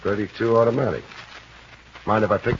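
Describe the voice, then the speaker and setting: An actor's low-voiced, wisecracking radio private eye. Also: male voice, fairly even intonation, brisk, close to an everyday voice. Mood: flippant. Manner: dry, sardonic, slangy. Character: wisecracking hard-boiled private detective, cool and cheeky. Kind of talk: old radio detective drama, dialogue and first-person narration. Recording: dull, noisy old radio recording.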